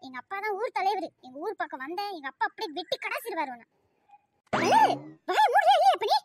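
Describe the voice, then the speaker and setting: A woman voicing a bold, sharp-tongued young female college student in a cartoon, quarrelsome and cheeky. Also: very high voice, animated, quick pace, no echo. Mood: defiant. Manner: quarrelsome and cheeky, then pleading. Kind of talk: cartoon voice acting.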